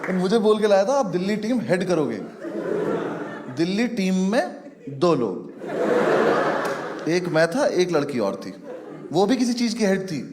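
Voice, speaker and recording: A man's voice: high voice, very animated, measured pace, pauses often, very noisy. A man doing a stand-up comedy set on stage, telling a story in a loose conversational way and chatting with the audience.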